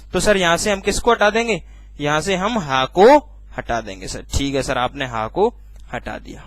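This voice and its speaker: A man with a high voice teaching a class in a dry, close-miked sound. He keeps asking his listeners questions and then answering them himself, repeating key terms slowly. He addresses his listeners casually as brother and sir. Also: fairly bright tone, no echo. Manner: calls listeners bhai and sir colloquially. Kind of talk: recorded classroom lesson.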